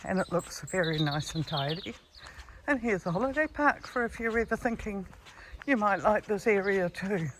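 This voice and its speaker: A woman from New Zealand with an animated, mid-range voice chats casually while walking, a bit short of breath. Filming on a handheld camera along a hilly rural road, she sounds unhurried and admiring amid ambient outdoor sound.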